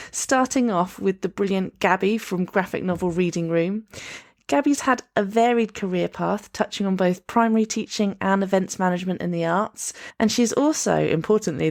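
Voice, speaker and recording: A woman hosting a podcast interview, enthusiastic and upbeat as she introduces and questions her guest. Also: medium pitch. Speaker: podcast host.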